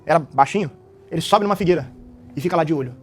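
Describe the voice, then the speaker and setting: A man, preaching an animated, dramatic sermon and often tossing out little tag questions. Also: a little high, rapid-fire, faint music behind.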